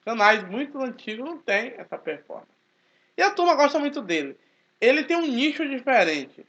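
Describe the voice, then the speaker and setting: A man, talking casually to his channel in a forceful, emphatic way. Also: very high voice, normal speed. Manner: speaks forcefully, animated and emphatic. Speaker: channel host, Baptist churchgoer. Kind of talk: casual spoken commentary. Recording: dull lo-fi recording.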